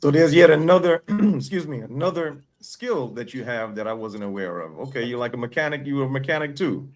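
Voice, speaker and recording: A man's voice: mid-range voice, animated, a little fast, a little mellow. A man from New York hosting a podcast interview, asking structured questions in a friendly way. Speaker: podcast host.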